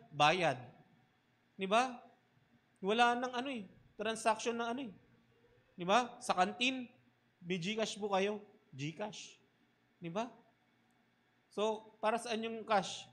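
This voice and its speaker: A Filipino man, a pastor, preaching a sermon in mixed Tagalog and English, often tagging lines with "di ba?" and swinging between loud emphatic bursts and quiet low asides. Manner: Taglish preaching, keeps asking "di ba?".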